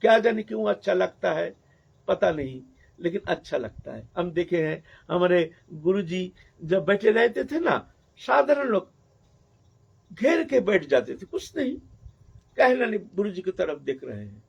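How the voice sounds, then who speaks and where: A man, a sadhu, telling a devotional story in a sermon, with animated, repetitive phrasing, in a dull lo-fi recording. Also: high voice, a little slow, vocal fry, breathy edge. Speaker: sadhu preacher.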